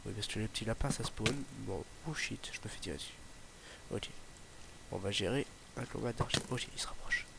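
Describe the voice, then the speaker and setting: A gaming YouTuber, a young man with a slight Ardèche accent, gives casual Let's Play commentary in a lowish, gravelly voice at a slightly quick pace. He rambles over his gameplay with lots of fillers and restarts. The home mic recording is noisy.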